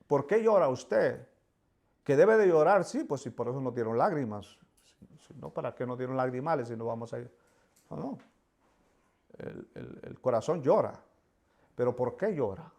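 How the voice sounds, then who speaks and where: A man's voice: medium pitch, expressive, normal speed, pauses often, a little mellow. A man preaching a sermon with fervor, voicing pleading prayers and often repeating words.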